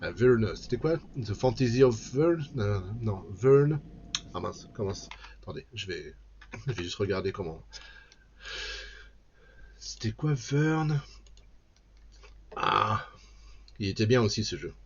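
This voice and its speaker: A man's voice: on the low side, moderate pace, dull audio, slight background noise. A man streaming a game, chatting casually and playfully as he plays. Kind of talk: casual let's-play commentary.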